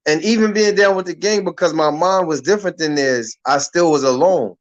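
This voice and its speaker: A man's voice: a little high, brisk, lo-fi sound. A man in his thirties from Harlem, hosting a radio talk show in a loose, slangy way and often restarting his sentences. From Harlem, New York. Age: 30s.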